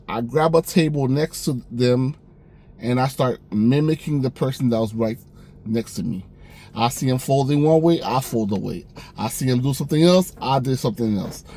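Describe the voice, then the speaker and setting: A young man casually telling a personal story, animated, acting out the dialogue with a raised voice. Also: medium pitch, normal speed, a little hiss or hum. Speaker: storyteller vlogger.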